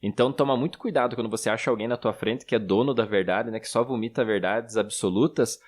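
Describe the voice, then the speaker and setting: Fast-talking Brazilian man in his thirties. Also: mid-range voice. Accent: Brazilian Portuguese. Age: 30s. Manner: reflective, self-critical, many fillers. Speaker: podcast co-host. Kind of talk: casual investing podcast chat.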